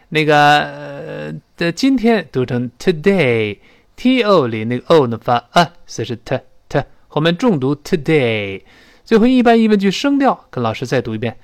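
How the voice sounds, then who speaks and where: A man teaching a spoken English lesson, explaining phrases and modelling pronunciation slowly. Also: dry recording, clean studio sound. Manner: lively explanatory teaching, rising to high pitch for emphasis.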